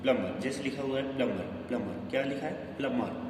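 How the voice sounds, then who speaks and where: A man's voice: mid-range voice, quick pace, darkish tone, slight background noise. A man with a Hindi accent teaching an English pronunciation lesson over a screen, repeating words and quizzing the viewers with questions he answers himself, stressing each correction. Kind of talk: screen-based grammar lesson. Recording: echoey room with long reverb.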